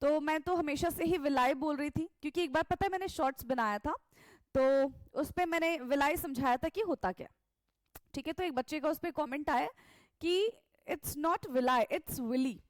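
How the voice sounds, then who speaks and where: A woman's voice: high voice, no echo, clean studio sound. A woman teacher, going over quiz questions step by step and calling the students "beta". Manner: slow and deliberate, code-switching between Hindi and English, calls students "beta".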